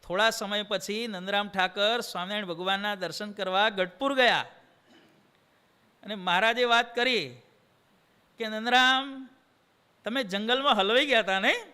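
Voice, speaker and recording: A swami preacher with a Gujarati accent delivers a devotional sermon, telling a story and acting out its dialogue by shifting his voice between characters. His high-pitched voice is bright, forceful, clear, and resonant, moving at a moderate pace with frequent pauses.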